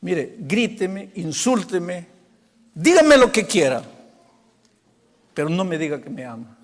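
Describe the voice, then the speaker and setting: A man voicing a defiant, hurt teenage boy who feels unloved, speaking quietly and low in pained pleading. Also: very animated, unhurried, full character voice. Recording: long hall reverb.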